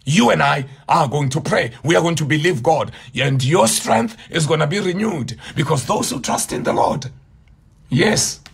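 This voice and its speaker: A man preaching a late-night prayer sermon online, fervent and exhorting, rising into shouts as he urges viewers to pray aloud. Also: fairly high pitch, expressive, moderate pace, gravelly, husky. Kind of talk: livestreamed midnight prayer sermon.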